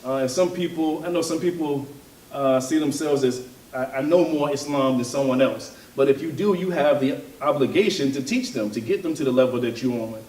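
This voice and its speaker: A man giving an informal religious and political talk, thoughtful and hesitant, often pausing with fillers and restarting his sentences. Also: mid-range voice, darkish tone. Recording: roomy, from a distance.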